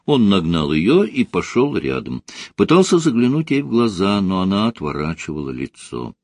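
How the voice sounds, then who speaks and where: Husky-voiced man narrating a story. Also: deep voice, normal speed, no echo, studio quality. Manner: expressive storytelling. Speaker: audiobook reader. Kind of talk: scripted narration.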